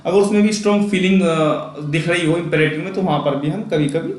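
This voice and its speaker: A man's voice: on the high side, brisk, reverberant. A man teaching English grammar as a voice-over on his notes, chatty and repetitive, often checking in with his listeners. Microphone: voice-over, speaker not shown.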